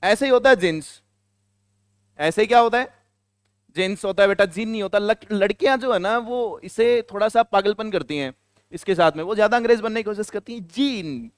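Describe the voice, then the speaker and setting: A man teaches a classroom lesson in a high, crisp voice. He keeps quizzing his students and repeating the answers. The sound is close and dry, with no room echo. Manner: questions the students and answers himself, repeating key words. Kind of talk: classroom lecture.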